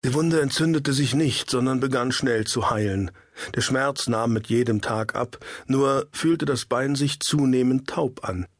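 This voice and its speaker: A man with a husky voice narrating a historical novel at a measured storytelling pace. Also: mid-range voice, no echo, clean studio sound. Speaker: audiobook narrator.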